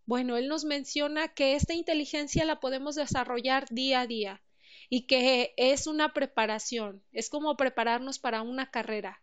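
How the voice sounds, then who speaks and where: On a muffled recording, a high-pitched woman with a Mexican accent speaks about emotional wellbeing in a smooth, steady voice at a moderate pace. Her talk is earnest and motivational, and she puts direct questions to the listener.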